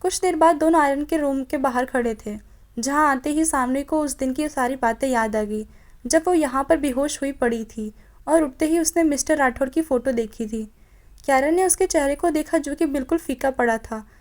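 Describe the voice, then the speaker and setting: A woman's voice: high voice, moderate pace, darkish tone. A woman narrating a romance audiobook, reading each character's lines in slightly changed tones and correcting her own slips. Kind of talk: storybook narration voicing all characters.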